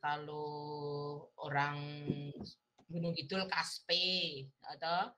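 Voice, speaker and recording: Soft background music plays as a university lecturer with a Javanese accent talks extremely slowly in a deep, pushed and bright voice with little pitch movement. She keeps the online class video call casual, chatting playfully, teasing and laughing often.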